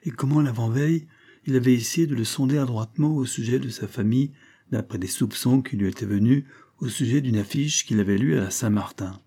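A man narrating an audiobook in a measured, even reading. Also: mid-range voice, husky.

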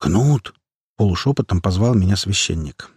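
A man's voice: lowish voice, lively intonation, moderate pace, a little mellow, slightly rough, dry recording, clean studio sound. A man narrating an action story audiobook in the first person, telling it dramatically.

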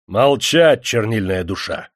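Brief: man reading a harsh army major, loud and commanding, dry close sound. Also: sits low, steady tone, moderate pace, no echo, lightly acted. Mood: stern. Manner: stern, shouting orders. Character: stern angry army major.

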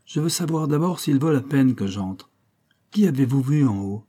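A man voicing a sardonic middle-aged clergyman with a nasal, abrupt, mockingly solemn delivery, pitched a little above his own reading voice. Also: animated, normal speed, dark tone, lightly acted. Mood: stern.

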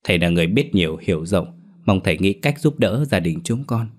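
A man's voice: sits low, lively intonation, brisk. A man voicing a humble middle-aged brother who earnestly begs a shaman for help. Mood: pleading. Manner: deferential, earnest. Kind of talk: storybook character voice.

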